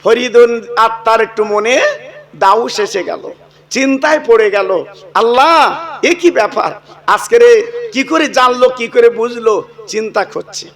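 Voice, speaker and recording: High, bright-voiced male preacher. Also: unhurried. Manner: storytelling with acted dialogue and asides. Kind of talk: sermon.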